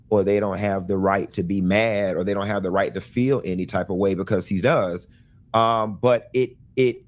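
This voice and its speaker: A man earnestly explaining his side of a public dispute, now and then breaking into animated exclaimed asides. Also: on the low side. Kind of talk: clip of a personal video statement.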